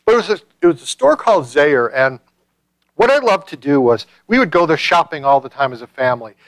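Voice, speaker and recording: A middle-aged man from Chicago, a pastor who prays and then preaches, telling stories in an animated way and repeating his phrases. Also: on the high side, fairly quick, dry recording, rough recording. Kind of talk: sermon with prayer. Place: church.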